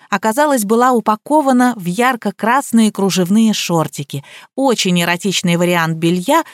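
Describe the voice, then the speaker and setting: A woman's voice: mid-range voice, no room sound, clean studio sound. Wry woman narrating an audiobook. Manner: wry, ironic. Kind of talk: first-person audiobook narration.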